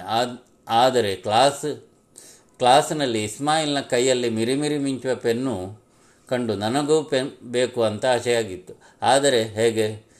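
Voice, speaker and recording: A man narrating a first-person story in a slow, reflective, heartfelt manner. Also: medium pitch.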